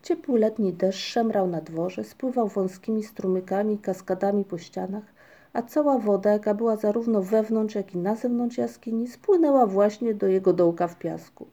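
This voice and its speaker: A woman narrates a children's storybook in a gentle, even way. Her tone is mellow and warm, at a middle pitch. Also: normal speed. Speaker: audiobook narrator.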